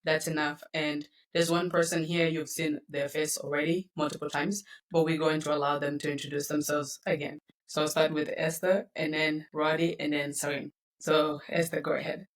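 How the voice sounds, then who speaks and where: Woman from Congo, podcast host, low-ish voice, laughs between lines, a bit off-mic. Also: level tone, moderate pace, hardly any pauses, recorded from a distance. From Democratic Republic of Congo. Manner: laughs often while talking. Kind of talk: casual podcast chat.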